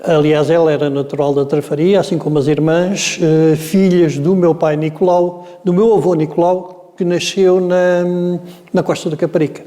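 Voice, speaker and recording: A man's voice: on the high side, little pitch movement, moderate pace, mellow, in a large hall. A man in his seventies with a Lisbon-area Portuguese accent, telling family history in a meandering, hesitant way full of filler sounds. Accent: European Portuguese, Lisbon area. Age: 70s. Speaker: interviewee. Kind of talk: oral history storytelling.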